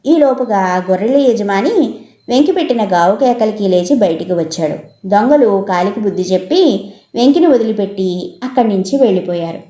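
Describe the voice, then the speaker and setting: A woman narrating a children's folk tale in a steady, measured way. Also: mid-range voice, reverberant. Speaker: storyteller. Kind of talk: storybook narration.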